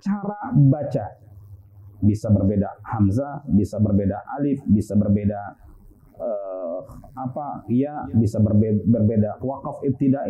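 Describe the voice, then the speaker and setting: Male religious teacher, casual explanatory lecture, rhetorical questions, tinny phone-like sound. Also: medium pitch. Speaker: Islamic studies teacher. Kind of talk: religious lecture on Quran sciences.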